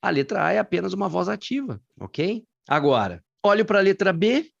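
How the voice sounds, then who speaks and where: Calling on students by name, a lively, slang-heavy male grammar teacher leads a live online class in a Brazilian Portuguese accent. He speaks at a moderate pace in a high, creaky voice, and the audio is lo-fi.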